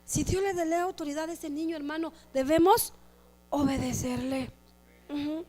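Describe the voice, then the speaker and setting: A high-voiced woman pastor delivers a sermon. She preaches with energy and drops into quick asides where she voices characters.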